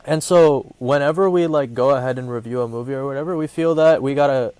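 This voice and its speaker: A man's voice: mid-range voice, fast talker, darkish tone, clear, resonant tone, no room sound. A man in his twenties from Ohio with an American accent, earnestly explaining things in a casual chat and often restarting his sentences. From Columbus, Ohio, USA. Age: 20s. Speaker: co-host.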